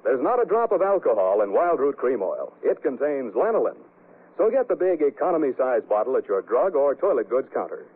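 A man's voice: mid-range voice, very animated, fairly quick. Man announcing on an old radio show. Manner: formal, emphatic sales delivery. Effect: old 1940s radio broadcast sound. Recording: tinny 1940s radio broadcast with faint music.

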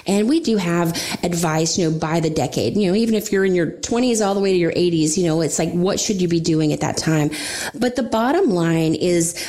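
A middle-aged woman speaks as an advisor in a loose, explanatory, conversational style. Her voice is fairly low and notably soft-edged and mellow. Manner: informal, explanatory, often says "you know". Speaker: financial advisor guest on a radio show. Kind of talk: conversational financial advice talk.

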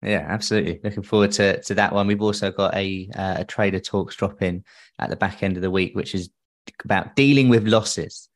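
Low-voiced male podcast host chatting. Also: a little fast. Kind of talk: conversational financial podcast hosting.

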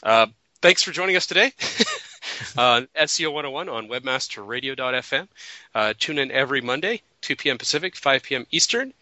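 A man co-hosting an internet radio show, chatting casually and a bit rambling while hoarse from a cold. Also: mid-range voice, expressive, a little fast, bright, forceful tone, no echo, dull audio. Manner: rambling, self-correcting, chuckling. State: losing his voice from a cold. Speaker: podcast co-host.

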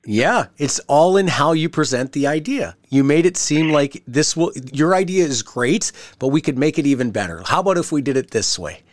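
A man's voice: a little high, lively intonation, normal speed, hardly any pauses, no echo, studio quality. A man hosting a casual interview, responding to his guest and asking questions. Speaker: podcast interviewer.

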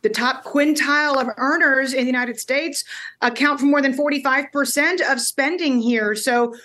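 A woman economist giving analytical, measured commentary as a guest on a TV news show. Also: high-pitched, bright, forceful tone. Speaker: economist and research CEO.

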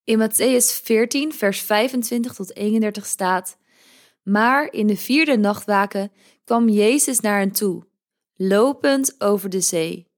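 A woman hosting a podcast, reading a devotional in a gentle, measured way. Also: medium pitch. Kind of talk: calm scripted devotional reading.

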